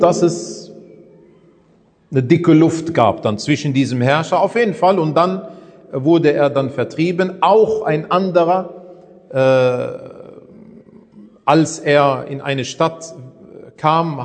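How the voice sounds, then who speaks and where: An Islamic preacher teaches a religious lesson conversationally, frequently posing rhetorical questions to his listeners. His voice sits on the high side, slightly mellow, with a long reverb tail.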